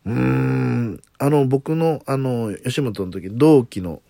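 A man's voice: medium pitch, slow pace, gravelly, warm tone, dry recording, clean studio sound. A man hosting a casual solo talk show, chatting and musing aloud while asking listeners what they think. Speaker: podcast host.

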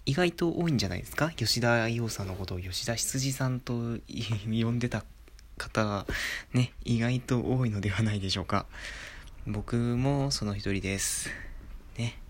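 A young man hosting his own talk show, speaking quietly at home into a phone mic in a relaxed, chatty way. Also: normal speed, a little hiss or hum. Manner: hushed, low-volume talk with soft laughs and filler. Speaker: podcast host. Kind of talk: casual solo talk. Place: inside his home, alone. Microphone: phone microphone.

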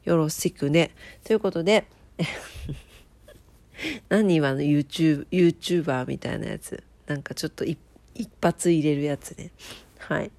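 A woman's voice: deep voice, moderate pace, a little mellow, no echo. A woman hosting a casual, chatty solo radio show in polite speech, her voice nasal from a blocked nose. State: stuffed-up nose.

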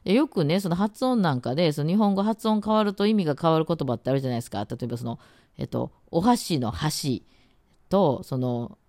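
A chatty woman with an Osaka accent talks through her solo podcast, rambling with lots of fillers. Her pitch swings widely from low to high. The recording is close and dry, with no room sound. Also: expressive, fast, mellow, no echo. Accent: Osaka dialect. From Osaka, Japan. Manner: chatty, rambling, many fillers, tries out words aloud. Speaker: radio talk host and musician. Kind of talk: casual solo podcast chat.

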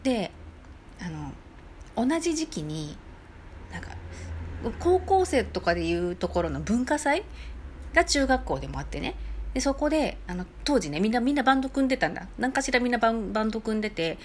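A woman's voice: fairly high pitch, brisk, a little hiss or hum. A middle-aged woman hosting a casual solo talk show, telling personal stories in a chatty way and acting out the voices she quotes. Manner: chatty storyteller, lively, acts out quoted voices. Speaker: podcast host.

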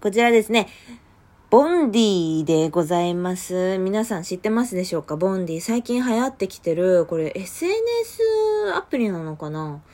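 Young woman rambling on her own podcast late at night, chatty, gets loud easily. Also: on the low side, fairly quick. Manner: lively, chatty, jumps to loud bursts. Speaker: podcast host. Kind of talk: casual solo podcast talk. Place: home at night.

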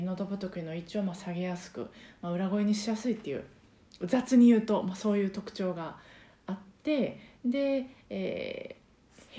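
A chatty woman talks through her points in a soft, breathy voice full of little fillers. Her tone is mellow and warm rather than bright. She sounds as if she is in an echoey room. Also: medium pitch. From Osaka, Japan. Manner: chatty, explanatory, many fillers. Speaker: podcast host and karaoke teacher. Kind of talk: casual solo podcast talk.

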